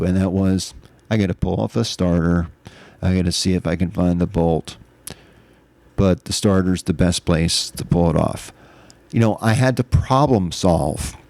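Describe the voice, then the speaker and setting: Brief: male podcast host, low, warm and relaxed voice, earnest and candid, dry close sound. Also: dry recording. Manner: candid, earnest, self-reflective storytelling. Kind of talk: casual solo podcast monologue.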